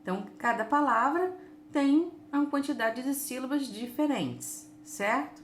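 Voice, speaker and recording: A woman teacher giving a children's lesson, saying words slowly and patiently and stretching them out. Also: high-pitched, lively intonation. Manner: slow, patient, drawn-out words. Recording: echoey room with faint noise.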